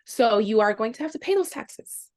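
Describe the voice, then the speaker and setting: A young Jamaican woman, a guest in a casual interview, telling her experiences in an animated way, her pitch leaping up for the reactions she quotes. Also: normal speed.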